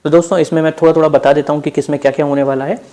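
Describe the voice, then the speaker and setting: A man with an Indian accent runs through an informal exam-prep lesson narrated over on-screen slides, calling his audience friends and mixing in English words. His voice is on the high side and mellow, delivered flatly at a rapid-fire clip.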